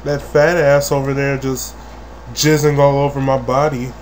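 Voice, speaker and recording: A man hosting a let's play, talking crudely and profanely as he plays, breaking into sudden loud outbursts. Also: mid-range voice, level tone, moderate pace, slight background noise. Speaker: gaming channel host.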